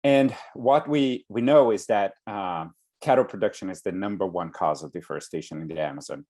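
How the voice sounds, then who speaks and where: A man from Brazil with a very deep voice presents to an online class over a video call. He speaks hesitantly, with many fillers and restarts. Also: brisk, darkish tone. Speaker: guest speaker. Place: home in Brooklyn.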